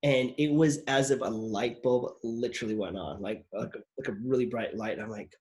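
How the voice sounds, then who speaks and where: Speaking at a moderate pace in a mid-range, somewhat dark voice, a man recalls his acting work while hosting a laid-back interview show. His delivery rambles, peppered with "like" and frequent restarts. He works as both actor and podcast host.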